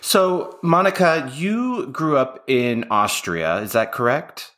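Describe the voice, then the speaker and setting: A man's voice: medium pitch, lively intonation, slow pace, a bit bright. A man hosting a podcast interview, reading a guest introduction and then chatting loosely with filler words. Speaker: podcast host, makeup artist. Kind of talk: conversational interview.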